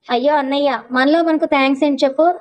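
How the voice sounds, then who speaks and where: A woman's voice: high-pitched, steady tone, rapid-fire, a little mellow, close to an everyday voice, rough recording. A woman voicing an eager, talkative young man who hides a scheme, in a spoken story.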